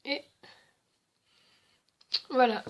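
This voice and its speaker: A young woman chatting casually as a beauty vlogger, with many fillers and restarts. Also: very slow. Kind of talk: casual haul and swatch video.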